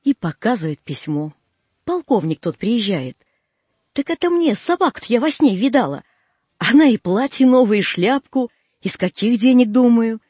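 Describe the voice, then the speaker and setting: Husky high-voiced male audiobook reader. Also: a little mellow, no echo. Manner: folksy, plaintive storytelling. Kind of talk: first-person folk tale narration.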